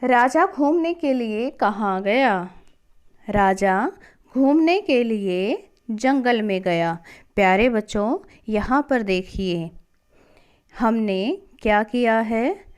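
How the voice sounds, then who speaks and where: A woman gives a lesson to young schoolchildren in a high, unhurried voice. She asks a question, pauses, then repeats the answer back for the class. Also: a little mellow, clean tone. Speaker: primary school teacher. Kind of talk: slow, patient lesson for young children.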